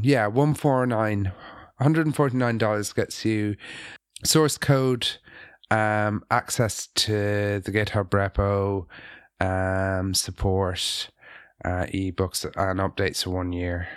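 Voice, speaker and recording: A man with a lowish voice chats casually on a tech podcast, explaining things haltingly, full of ums, false starts and repeated words. The sound is dry and close, with no room around it. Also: no echo. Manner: hesitant, many ums and restarts. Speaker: podcast co-host, app developer.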